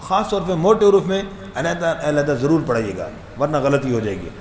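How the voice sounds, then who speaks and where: A fairly high-voiced man teaches Quran recitation, chanting each letter sound slowly in a sing-song drill and firing questions at his listeners. He has a Pakistani Urdu accent. His voice rings in an echoey room over a faint hum of background noise.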